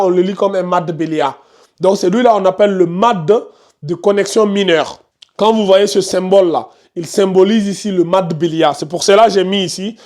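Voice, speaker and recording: A fairly high-pitched man teaching tajwid to his students over a video call. He repeats his points and keeps pointing at the screen. He gives careful, patient explanations. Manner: repetitive, pointing out details on screen, scolds noisy students. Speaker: Quran recitation teacher. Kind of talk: online class teaching tajwid.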